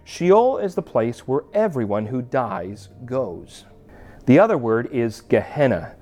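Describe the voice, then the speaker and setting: A man preaching a sermon as a pastor, telling a personal story in an animated, conversational way. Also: mid-range voice, takes it slowly, soft background music.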